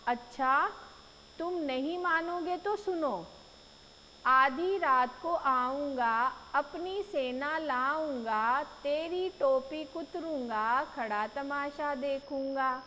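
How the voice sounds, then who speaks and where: A woman's voice: sits high, takes it slowly. A woman voicing a cocky, boastful little male mouse who makes bossy threats in a sing-song chant. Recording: echoey room, faint noise.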